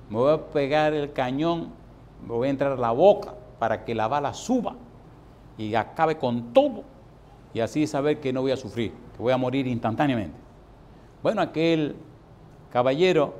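A man preaching a sermon as a pastor, emphatic, asking repeated rhetorical questions and dropping soft for stories. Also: mid-range voice.

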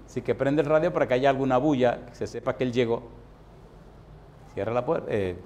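A man preaching a sermon as a pastor, emphatic, asking repeated rhetorical questions and dropping soft for stories. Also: medium pitch.

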